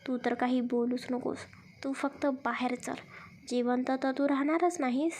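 A woman's voice: sits high, fairly even intonation, measured pace, darkish tone, slight background noise. A woman voicing a short-tempered but protective young newlywed man in a spoken story. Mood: brusque. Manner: curt, scolding.

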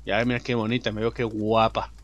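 A young adult man with a Mexican accent, commenting on his own gameplay in slangy, swearing chatter, shouting and taunting enemies. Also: lowish voice, flat delivery, brisk. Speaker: gameplay streamer. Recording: music playing behind the voice.

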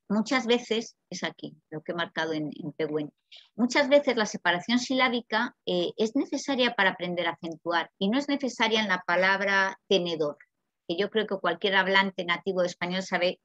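A woman from Spain with a Peninsular Spanish accent giving a lively, chatty seminar lecture and asking the audience questions. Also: mid-range voice, dry recording. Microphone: video call. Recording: dull, dry video call audio.

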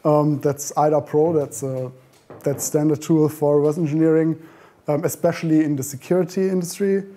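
Speaking at a meetup, a man in his thirties delivers a casual conference talk in a meeting room, heavy with ums, fresh starts, and self-corrections. His voice runs on the high side, warm and steady at a moderate pace, and a distant camera at the back records him.

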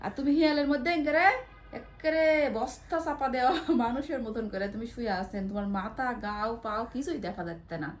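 High-voiced scolding woman. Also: fairly quick. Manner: scolding, talkative, nags loudly. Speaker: vlogger and mother. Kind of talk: casual home vlog with family banter. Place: home kitchen and bedroom.

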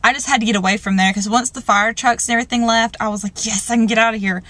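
A woman's voice: fairly high pitch, fairly even intonation, quick pace, fairly bright tone, no echo. Shaken young woman in a car. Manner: rambling and jittery, many fillers and restarts. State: shaken and nervous. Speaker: vlogger. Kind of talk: casual vlog in a parked car. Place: inside a parked car. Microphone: handheld camcorder.

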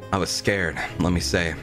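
A young game streamer with a low-pitched voice chats casually over gameplay, rambling through informal stories sprinkled with swearing. Game music plays behind his voice.

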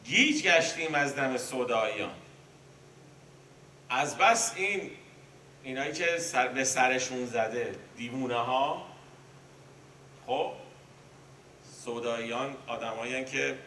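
A man's voice: mid-range voice, bright, forceful tone, a little hiss or hum. A man teaching a poetry class, reciting verses and then explaining them casually, often stopping to correct himself. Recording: echoey room, mic at a distance.

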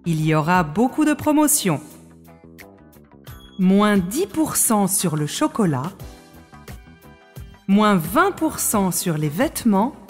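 A woman reading a shop advertisement in an upbeat, promotional way. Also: medium pitch. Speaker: advertisement reader.

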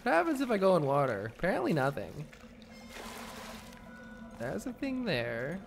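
A man commenting on a game as he plays, chatty and thinking out loud with many questions. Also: high voice, huge pitch swings, normal speed, creaky, soft background music. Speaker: gaming streamer. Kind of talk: let's play commentary.

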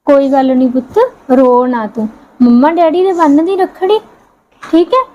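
A woman playing a caring mother who gently coaxes and consoles her daughter in an amateur short film, repeating endearments. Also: high voice, moderate pace, natural voice. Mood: soothing. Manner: soothing, coaxing, repeats endearments. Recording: dull lo-fi sound, faint music.

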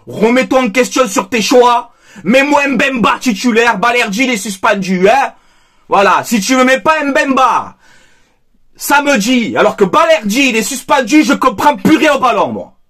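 Angry man, very high voice, emphatic football fan ranting to camera. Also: lively intonation, normal speed, a bit bright. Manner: heated, emphatic, repeats phrases, addresses viewers as "les gars". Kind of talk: angry post-match debrief monologue.

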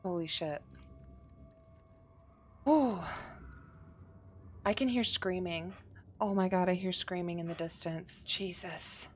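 A woman's voice: on the low side, fairly even intonation, moderate pace, a little hiss or hum. Jumpy, swearing woman streamer. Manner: jumpy, profane, exclaims and gasps often. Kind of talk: live gaming stream commentary.

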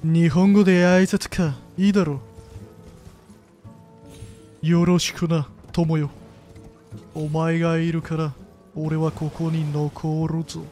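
Man doing a gruff anime hero. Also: on the high side, flat delivery, slow, pauses often, warm tone, faint music behind. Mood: tough, warm.

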